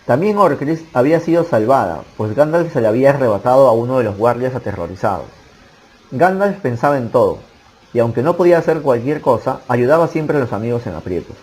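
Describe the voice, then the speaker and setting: A man narrating an audiobook in a steady storytelling manner. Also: medium pitch, a little fast, slightly rough, low-quality recording. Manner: steady storytelling reading, occasional slips. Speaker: audiobook reader.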